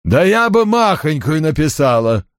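A man voicing a gruff, deadpan office secretary woman with a crackly voice who talks in curt, grumbling remarks. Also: deep voice, a little slow, dry recording, clean studio sound, pitched above the performer's own voice. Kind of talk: audiobook character voice.

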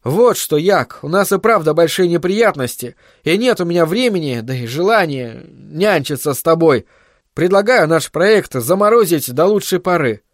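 A man's voice: fairly high pitch, animated, moderate pace, no room sound, studio quality, voice pushed up, close to an everyday voice. Man doing a heated, harried scientist. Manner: heated, emphatic, pleading at times. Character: agitated middle-aged male scientist, stubborn, harried.

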